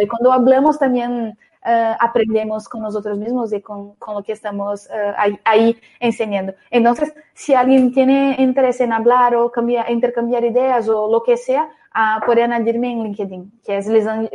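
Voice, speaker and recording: A woman's voice: fairly high pitch, warm tone. A woman with a Brazilian accent and native Portuguese, speaking non-native Spanish as a guest in a conversational interview, often rephrasing as she searches for words. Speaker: podcast guest, entrepreneur.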